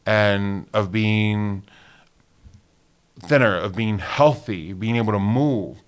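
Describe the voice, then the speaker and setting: Lively low-voiced man in his thirties. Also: slow pace, clear, resonant tone. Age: 30s. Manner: animated, laughs often, many fillers like "like". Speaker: podcast co-host. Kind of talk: casual chat.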